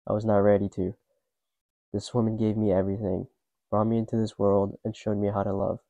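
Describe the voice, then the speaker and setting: A man's voice: lowish voice, level tone, fairly quick, warm tone, no room sound, lo-fi sound. A young man reading a scripted, subdued personal narration about grief in a restrained way. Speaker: podcast co-host narrator.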